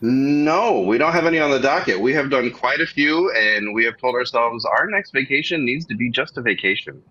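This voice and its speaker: A man's voice: medium pitch, normal speed, pushed and bright, dull audio. A male guest chatting on a livestream, enthusiastic and encouraging. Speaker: guest, indie game publisher. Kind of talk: casual chat.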